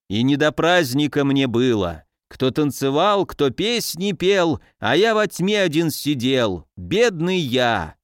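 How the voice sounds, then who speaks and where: A man voicing a drunken, mocking male night watchman who bawls songs hoarsely. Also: on the high side, dry recording, clean studio sound. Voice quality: hoarse bawling when singing.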